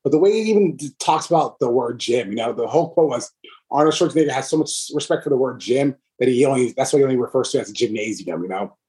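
A man's voice: medium pitch, fast talker, warm tone, breathy edge. A man hosting a casual podcast chat, rambling and dropping "you know" constantly.

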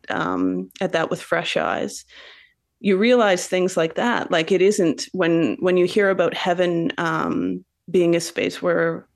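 This is a poet and novelist from Canada, a woman speaking thoughtfully as a guest during an interview that includes poetry reading. She has a creaky voice that sits on the low side.

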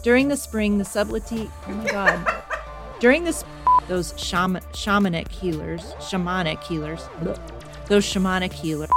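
A woman's voice: medium pitch, moderate pace, loud music behind the voice. A woman podcast host and history teacher chatting casually in an outtake, recorded muffled under a blanket at home, laughing at her own slips.

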